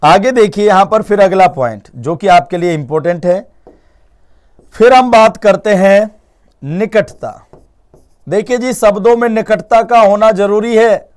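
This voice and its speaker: A young man teaching a live online Hindi grammar class, lively, quizzing students with repeated questions and mixing English words into his talk. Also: high-pitched, measured pace.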